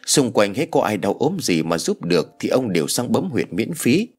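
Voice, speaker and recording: A man narrating an audio story in an expressive storytelling manner. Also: on the low side, moderate pace, husky. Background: soft background music.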